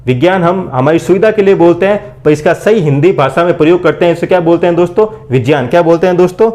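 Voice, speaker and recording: Man drilling a lesson, higher voice. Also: quick pace, darkish tone. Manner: call-and-response drilling, repeats questions and answers; keeps addressing listeners as friends. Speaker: teacher. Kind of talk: blackboard lesson for exam preparation.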